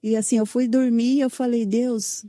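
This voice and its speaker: Brief: São Paulo woman, higher-pitched but mellow tone, close and dry mic, telling her own testimony. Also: little pitch movement, normal speed, no room sound. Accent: Brazilian Portuguese, São Paulo. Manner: recounts with many "né?" tags and quoted dialogue. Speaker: guest sharing her testimony. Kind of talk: emotional personal testimony.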